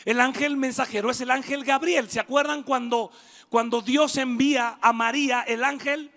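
A man preaching a lively sermon to young people in a church hall, joking and shouting for emphasis. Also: very high voice, moderate pace. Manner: animated, jokes and asides, shouting for emphasis. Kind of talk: lively sermon to a youth congregation. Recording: long echoing hall reverb.

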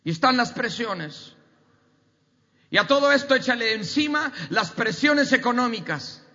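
A man's voice: very high voice, lively intonation, a little slow, pushed and bright. A man preaching a sermon emphatically, with repetitive lists and rising outbursts. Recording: dull audio with long hall reverb.

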